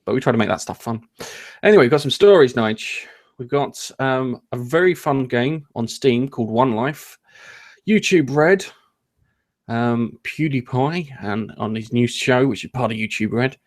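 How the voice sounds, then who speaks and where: A man's voice: medium pitch, normal speed. Rambling jokey male podcast host. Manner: rambling, jokey, frequent ums and restarts. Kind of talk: casual gaming podcast chat.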